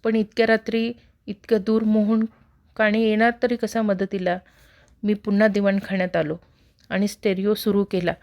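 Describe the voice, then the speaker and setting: A woman's voice: mid-range voice, level tone, moderate pace, a little mellow. Woman reading a ghost story. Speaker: story reader. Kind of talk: reading a horror story aloud.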